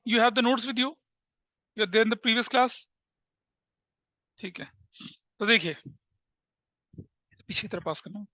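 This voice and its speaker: A man's voice: very high voice, bright, forceful tone, dry recording, highs cut off. A man teaching accountancy in a classroom with an Indian accent, explaining step by step and asking rhetorical questions. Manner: explaining with rhetorical questions, mixing English terms. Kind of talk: classroom lecture.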